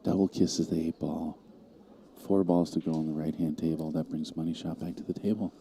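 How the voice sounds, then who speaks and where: A man giving calm, analytical live commentary on a pool match, calling each shot. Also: very deep voice, fairly quick, vocal fry, slight background noise.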